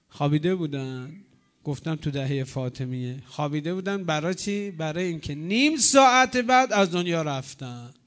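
A man preaching a mourning sermon, telling stories dramatically and swinging between hushed and loud passages. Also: on the high side.

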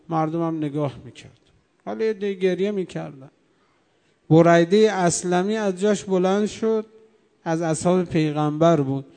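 A man preaching a mourning sermon, telling the story with impassioned, swelling delivery in a reverberant hall. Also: high-pitched. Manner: impassioned, swelling to loud drawn-out chanting.

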